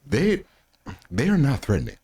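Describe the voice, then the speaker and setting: A young American man hosting a casual chat with his father, joking and animated. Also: mid-range voice, moderate pace, slightly rough. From United States. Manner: animated, joking, mocks accents. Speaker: podcast host.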